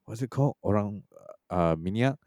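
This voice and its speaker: Casting note: very low, dark-toned man, loose rambling film chat with a dry close sound. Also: expressive, moderate pace, no room sound. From Malaysia and Singapore. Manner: rambling, many fillers and restarts. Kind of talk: casual film discussion.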